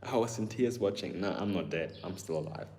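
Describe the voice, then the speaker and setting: Low-pitched, a little mellow and a little fast, this man rambles casually to his live-stream viewers as the host, full of fillers. He calls chat "bro," and his accent draws on Southern English, German and Ghanaian.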